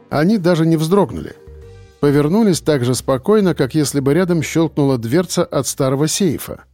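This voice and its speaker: Мужчина читает аудиокнигу ровно и размеренно. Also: male voice, on the high side, warm tone, dry recording, clean studio sound. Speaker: audiobook reader. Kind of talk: scripted audiobook narration.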